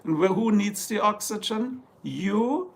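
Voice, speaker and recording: His voice sits high, creaky and expressive, and he speaks unhurriedly. A German man with a German accent, he hosts a casual livestream from his Ohio home, reading viewer comments, rambling, joking, and lapsing into German occasionally.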